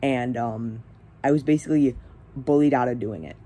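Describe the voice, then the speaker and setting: A man's voice: medium pitch, moderate pace, warm tone, slightly rough. A teenage young man hosting his own channel, talking casually and hesitantly with many fillers and restarts. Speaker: channel host. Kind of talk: casual rambling vlog.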